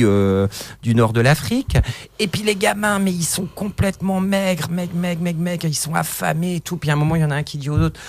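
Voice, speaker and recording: A man on a comedy podcast, telling a joke in a chatty, halting way and laughing easily. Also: a little high, no room sound. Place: podcast studio.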